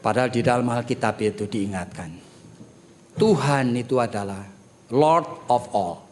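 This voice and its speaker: A middle-aged man preaching a sermon as pastor, speaking in a lively style, often addressing the congregation directly and mixing English terms into his speech. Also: mid-range voice, unhurried, a little hiss or hum. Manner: animated preaching, often addresses listeners as "saudara".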